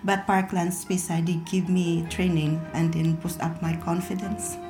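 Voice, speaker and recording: A woman's voice: lowish voice, flat delivery, unhurried, over music. A woman from the Philippines answering interview questions in a light, cheerful way.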